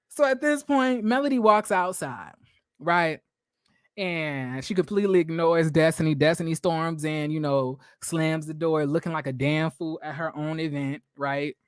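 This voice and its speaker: A man's voice: on the high side, no room sound, studio quality. A man hosting a livestream recap of a reality show, reading viewer comments and answering in a blunt, sassy, profane way with many rhetorical questions.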